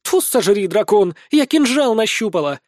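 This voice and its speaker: A hot-tempered young cat-girl warrior who squeals and snaps back indignantly, as a male narrator puts her on. Her voice sits high above the reader's own and stays loud in this dry audiobook reading. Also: very animated, normal speed, no room sound.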